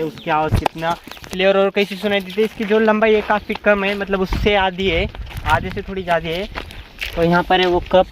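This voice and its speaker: A man with a high-pitched voice hosts a casual outdoor vlog, trying out a homemade cup phone. He keeps calling out loud directions to a helper standing far off in a rural field. A faint hiss of noise sits under his voice. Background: faint background noise.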